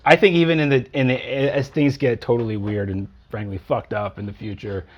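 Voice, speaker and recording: A man's voice: mid-range voice, steady tone, fairly quick, dull audio. A man hosting a casual interview in an amp shop, talking loosely and enthusiastically with lots of fillers. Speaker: interviewer and host.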